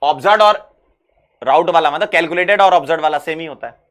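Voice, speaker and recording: A male chemistry teacher with a bright, forceful voice that sits a little high. He talks in a lively way, repeats his key phrases, and asks questions that he answers himself. The lesson is for exam preparation. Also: a little fast.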